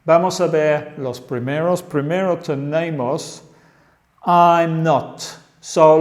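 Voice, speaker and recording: A man's voice: fairly high pitch, darkish tone. A man who is a native English speaker, teaching English to Spanish speakers and giving model sentences for learners to repeat. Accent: native English speaker's accent in Spanish. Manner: slow, carefully spaced model sentences to repeat. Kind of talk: Spanish-language English lesson.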